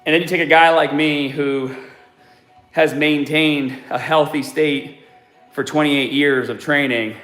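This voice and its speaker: A man's voice: a little high, fairly even intonation, measured pace, fairly bright tone, reverberant, soft background music. A man in his forties hosting a casual fitness live stream while working out, slightly sick and out of breath, reading chat aloud with laid-back sighs. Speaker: fitness channel host. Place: home gym.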